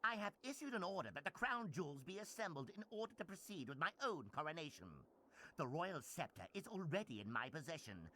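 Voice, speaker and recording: An actor playing a scheming, power-hungry villain prince in a video game, with a pompous, theatrical, mustache-twirling manner. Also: male voice, on the high side, big pitch swings, fairly quick, sharp tone, poor audio. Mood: scheming, commanding.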